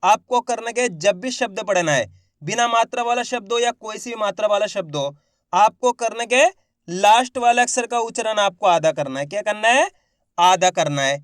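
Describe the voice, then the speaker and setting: A man teaching Hindi reading, sounding out each syllable slowly, then joining them into words and asking the viewer to repeat. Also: high voice, expressive, fairly bright tone, no room sound, clean studio sound. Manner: slow, syllable-by-syllable drilling with repeated prompts; addresses viewers directly as friends. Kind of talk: classroom-style lesson to camera.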